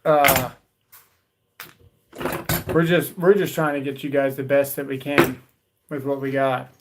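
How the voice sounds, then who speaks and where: This tool channel host's voice is mid-range, flat, unhurried and creaky, and the recording is very noisy. Chatting casually on a livestream, he rambles, often repeats words and talks to viewers as "guys" and "dude."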